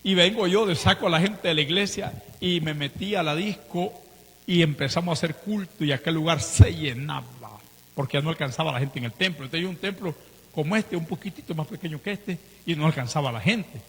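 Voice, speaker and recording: A male pastor with a Nicaraguan accent preaching a sermon, telling stories with swings in pitch and volume. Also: brisk, fairly bright tone, slightly rough. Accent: Nicaraguan Spanish. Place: church. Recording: reverberant church hall.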